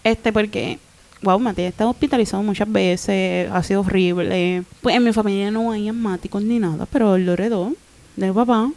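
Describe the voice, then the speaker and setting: A young adult woman, a podcast guest telling an emotional personal story in an animated way. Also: medium pitch, moderate pace. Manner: animated, acts out quoted voices.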